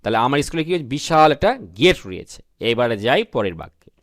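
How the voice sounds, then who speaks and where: A man teaching English grammar to beginners, asking questions and answering them himself, reading example sentences slowly. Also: medium pitch, very animated, fairly bright tone, no echo, studio quality. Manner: addresses viewers as friends.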